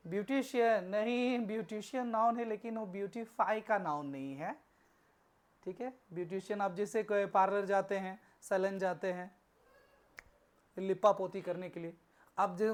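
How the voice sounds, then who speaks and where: A woman with an Indian accent teaching an exam-prep grammar lesson, asking questions and answering them herself and spelling out words letter by letter. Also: mid-range voice.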